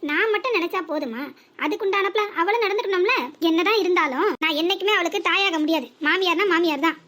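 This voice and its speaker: A woman voicing a sharp-tongued elderly village mother-in-law in a cartoon comedy, with a southern Tamil Nadu dialect and a nagging, rapid, sing-song complaint. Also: extremely high pitch. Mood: lecturing.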